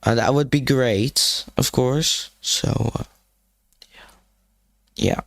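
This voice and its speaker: Gravelly young man streaming casually. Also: mid-range voice, drawn-out words, fairly bright tone, dry recording, studio quality. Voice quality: gravelly morning voice. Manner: rambling, with many fillers and restarts. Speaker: livestream host. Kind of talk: casual live-stream chat. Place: room, alone.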